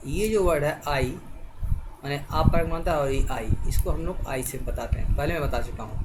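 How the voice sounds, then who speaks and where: A man teaching a spelling lesson, spelling words out letter by letter and often pausing to check that the viewer is following. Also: fairly high pitch. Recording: noisy background hiss.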